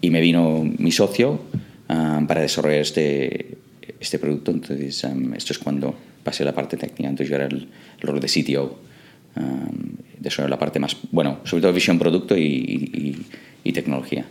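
A man's voice: rumbling low, fairly even intonation, normal speed, gravelly, darkish tone. A man from England, a startup co-founder, answering interview questions in a hesitant way with many fillers and restarts.

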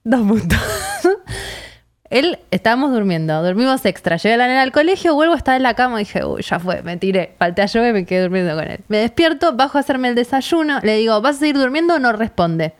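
An Argentine woman chatting casually with friends, telling a story in an animated way and jumping her voice up high when she reenacts an argument. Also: brisk, clean tone. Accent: Argentine Spanish. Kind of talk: casual chat.

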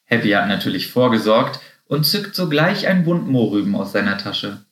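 Lively male storybook narrator. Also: lowish voice, moderate pace. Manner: lively, expressive. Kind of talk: storybook reading. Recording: roomy echo.

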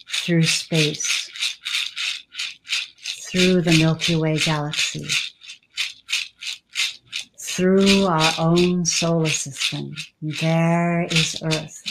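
A woman leading a guided meditation with slow, soothing, drawn-out phrasing. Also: sits low. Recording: loud background noise and rattle.

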